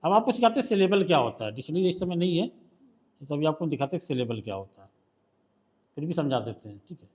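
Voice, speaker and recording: A man's voice: fairly high pitch, lively intonation, fast, darkish tone. A male shorthand teacher with a Hindi accent, patiently quizzing a student during one-on-one tutoring.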